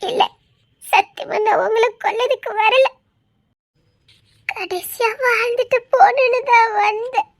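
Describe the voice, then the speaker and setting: A woman's voice: very high-pitched, fairly even intonation, unhurried, pauses often. A woman voicing a tearful young woman who is torn between her love and a forced mission. She weeps and pleads. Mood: desperate confession. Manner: weeping, pleading, laughing through tears. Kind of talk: audio drama acting.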